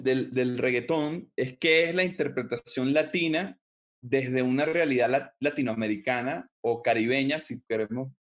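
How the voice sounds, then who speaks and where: Male podcast host, mid-range voice, reflective and rambling, casual fillers. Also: mid-range voice. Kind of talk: casual interview chat.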